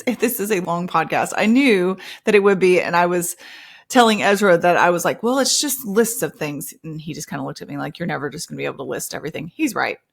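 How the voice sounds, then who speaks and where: A woman with a slightly low voice hosts a casual podcast about motherhood. She talks in a chatty, personal way and slips into playful voices when she quotes people. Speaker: podcast host; mother of several children.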